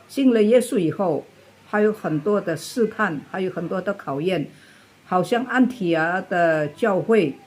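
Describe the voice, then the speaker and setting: Slow, husky woman summing up a sermon. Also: mid-range voice, darkish tone. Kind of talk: sermon summary.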